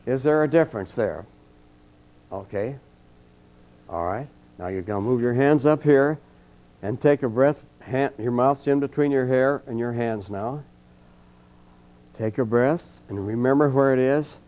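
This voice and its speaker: Unhurried and prone to frequent pauses, an older trumpet clinician with a medium-pitched voice tells anecdotes in a folksy way to a college audience. He then guides them calmly through breathing, and the archival recording sounds dull and lo-fi.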